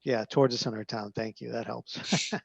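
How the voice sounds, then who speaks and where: A man on a video call, presenting application documents to a zoning board page by page in a measured, hesitant way with frequent fillers. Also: mid-range voice, steady tone, creaky, a crowd in the background. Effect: heard over a video call. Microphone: computer microphone on a video call. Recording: dull, narrow-band call audio.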